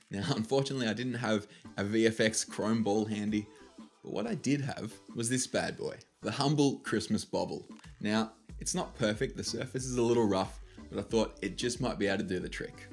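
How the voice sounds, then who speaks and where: Gravelly Australian man, slightly nasal. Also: on the low side. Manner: casual, upbeat, talks through each click. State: nasal from hay fever. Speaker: motion design tutor. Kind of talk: software tutorial walkthrough.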